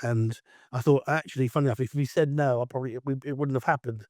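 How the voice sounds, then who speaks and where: A middle-aged man from Essex with an Essex accent and a croaky, hoarse voice from allergies, talking as a guest in a rambling, chatty way. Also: medium pitch, steady tone, quick pace, no echo, clean studio sound. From Essex, England. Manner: rambling, chatty, self-styled loudmouth. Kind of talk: casual interview chat.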